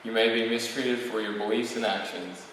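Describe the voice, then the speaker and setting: A man's voice: lowish voice, steady tone, normal speed, fairly bright tone. A young man, about eighteen, delivering a prepared podium speech as a student valedictorian, reading with occasional stumbles. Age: young adult, about eighteen. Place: large reverberant room, speaking to an audience. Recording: very echoey hall, distant mic, faint noise.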